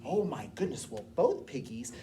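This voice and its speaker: A woman teaching a movement class, telling a story in an expressive, animated way. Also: deep voice, moderate pace. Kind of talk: storytelling music lesson. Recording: distant mic, loud piano behind.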